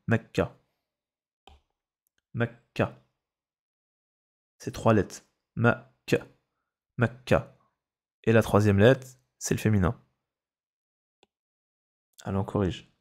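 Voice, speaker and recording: A man's voice: lowish voice, darkish tone. A male Arabic teacher giving a dictation lesson, patiently repeating each word and breaking it into syllables. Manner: patient, instructive.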